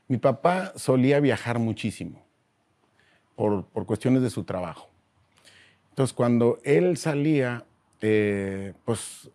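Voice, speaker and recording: A man with a Mexican Spanish accent, a guest in a casual interview, talking in slangy, animated bursts and acting out voices as he tells stories. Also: mid-range voice.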